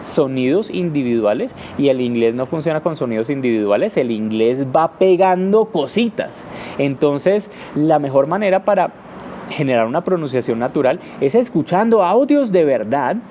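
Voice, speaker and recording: A man's voice: a little high, lively intonation, moderate pace, dark tone, slight background noise. A man teaching English in a live question-and-answer session, explaining patiently with frequent "eh" fillers and tapping out rhythms with "ta ta ta". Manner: demonstrates rhythms with "ta ta ta". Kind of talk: live Q&A lesson.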